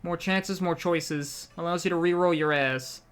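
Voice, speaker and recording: A woman's voice: lowish voice, fairly even intonation, measured pace, clean tone, faint music behind. A young woman casually commenting on gameplay, reading item text aloud in a chatty, self-mocking way. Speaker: game streamer.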